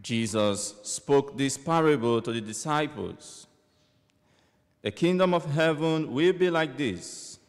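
Slow priest in echoing church. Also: male voice, medium pitch, lively intonation. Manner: measured, deliberate delivery. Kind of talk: gospel reading and homily. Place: large church. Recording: long church reverb.

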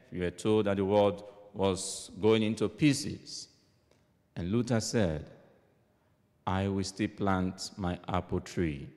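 A priest reading the gospel and preaching a homily in a measured, deliberate way, his voice ringing through a large church with a long echo. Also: lowish voice, a little mellow.

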